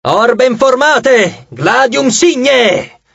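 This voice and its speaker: A man's voice: very high-pitched, lively intonation, extremely slow, vocal fry, breathy edge, dry recording, muffled recording, voice pushed up, heavily acted. A man voicing a fierce young Roman warrior woman. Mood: commanding shout. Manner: shouted commands.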